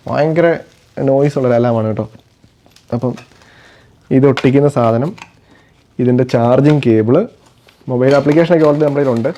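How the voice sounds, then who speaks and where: A man's voice: mid-range voice, dark tone. A father chatting casually while unboxing parcels, explaining each item and playing with his little daughter. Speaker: father and family vlogger.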